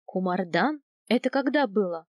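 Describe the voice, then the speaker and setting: A woman voicing a brisk, wry noble mother in a storybook reading. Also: mid-range voice, expressive, darkish tone, no echo, close to an everyday voice.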